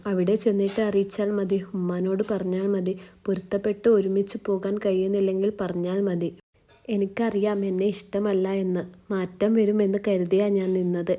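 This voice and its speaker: A gentle, heartbroken young wife, as a woman storyteller puts her on, speaking in a soft and mellow voice with a lilt. Her tone stays level and flat, hardly rising, and she keeps a quiet, even plea running through the storybook telling. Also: medium pitch, natural voice. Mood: pleading. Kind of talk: storytelling narration.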